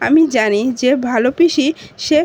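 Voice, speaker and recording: A woman's voice: high-pitched, moderate pace. A woman retelling a TV drama in casual narration, speaking every character's lines in her own voice. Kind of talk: casual narration with quoted dialogue. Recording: dull lo-fi recording.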